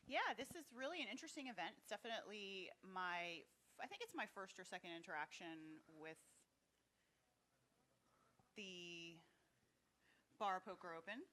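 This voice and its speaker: A woman's voice: fairly low pitch, animated, moderate pace, pauses often, pushed and bright. Upbeat female poker co-commentator. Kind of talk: live poker broadcast commentary.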